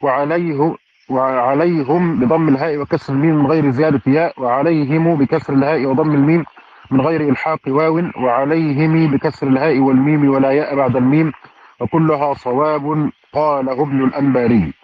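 A man quickly reads a classical commentary aloud to his teacher, fluent and formal, with careful vowel endings. His slightly high voice has fairly even intonation, and the lo-fi, dull recording has slight background noise.

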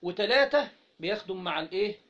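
A fairly high-pitched man with an Egyptian Arabic accent teaches grammar, leaving gaps for his students to fill and drawing out example words slowly. The recording is dull and lo-fi. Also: expressive. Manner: prompts students to finish his sentences. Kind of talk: interactive grammar lesson.

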